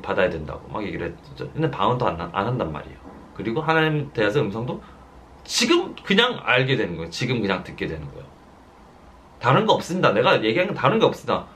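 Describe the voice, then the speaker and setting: Man, pastor, sermon, earnest storytelling, repeats phrases, stresses words slowly. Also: mid-range voice, a bit bright. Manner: slows down to stress quoted words.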